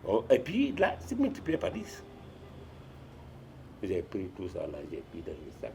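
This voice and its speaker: This is a deep-voiced older man from Guinea, a retired sports administrator, storytelling in a sit-down interview with many restarts and repetitions. He speaks at a measured pace with huge pitch swings, vocal fry, and a somewhat mellow quality, over slight background noise.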